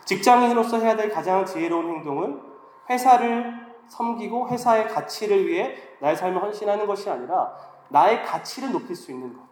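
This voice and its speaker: A man preaching a sermon in a measured, explanatory way, his voice pinched and nasal from a head cold. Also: high-pitched, expressive, a little mellow. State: has a cold, stuffed-up nose. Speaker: preacher, guest speaker at a church young adult service. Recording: echoey hall, faint background noise.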